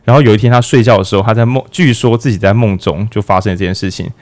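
Man hosting a podcast, lowish voice. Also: very fast. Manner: playful, with jokes and acted-out asides. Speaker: podcast host. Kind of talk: casual explanatory podcast talk.

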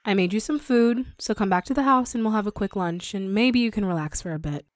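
A woman's voice: medium pitch, a little fast, dry recording, natural voice. Woman acting dry, skeptical farm wife. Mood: caring. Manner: dry, sarcastic. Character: skeptical, sardonic but supportive farmer's wife. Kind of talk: audio story acting.

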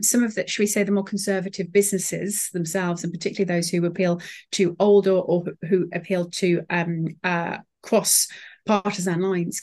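A woman's voice: fairly low pitch, a little mellow. A woman speaking as an interview guest, articulate, with frequent fillers and restarts. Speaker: sustainability consultant, guest. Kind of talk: interview conversation.

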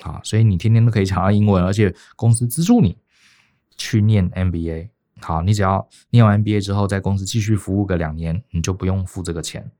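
A middle-aged man from Taiwan with a Taiwanese Mandarin accent, co-hosting a podcast and telling a casual career story, often pausing on fillers. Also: deep voice, mellow. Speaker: podcast co-host.

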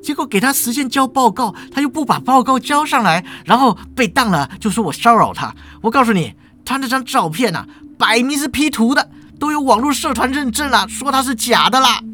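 A shrill, accusing substitute teacher rattles off complaints in a high, fast voice, as a storyteller puts the role on. The delivery swoops up and down, over a faint background hiss. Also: expressive, bright, forceful tone. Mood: indignant.

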